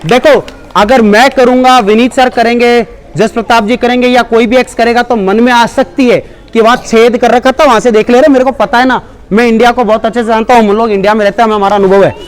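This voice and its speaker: A man's voice: very high voice, fairly even intonation, brisk. A man giving a live demonstration speech at a school seminar, coaxing the children and mixing in English phrases. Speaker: seminar presenter.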